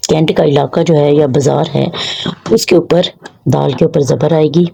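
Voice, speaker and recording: A teacher giving a pronunciation lesson for a video channel, explaining carefully and repeating each word slowly. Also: mid-range voice, fairly even intonation, gravelly, mellow, slight background noise. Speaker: Urdu language teacher.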